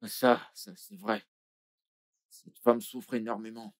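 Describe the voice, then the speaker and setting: A man's voice: mid-range voice, little pitch movement, takes it slowly, clean tone, natural voice. An actor playing an indignant younger brother complaining about their father in a dubbed film.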